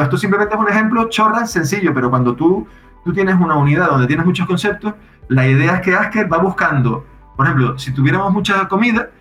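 A man casually explaining how his software works, thinking aloud with frequent restarts. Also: sits high, reverberant. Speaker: software developer guest.

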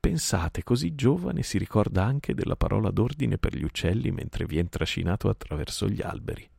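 A man's voice: fairly low pitch, lively intonation, normal speed, gravelly, darkish tone, slightly rough, dry recording, studio quality, voice pushed up, full character voice. A man voicing a good-hearted old male bear who speaks earnestly, a little raised from his own voice. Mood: proud.

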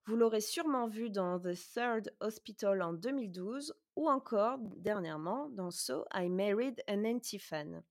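Animatrice de podcast bavarde, voix moyenne. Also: female voice, mid-range voice, animated, unhurried, few pauses. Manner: chatty, frequent hesitations. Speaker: podcast host. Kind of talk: casual podcast chat and prepared presentation.

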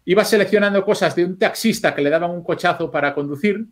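Chatty man, slightly high voice. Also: fast. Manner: loose, swearing storyteller, thinks aloud with restarts. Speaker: film editor guest. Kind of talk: casual podcast chat.

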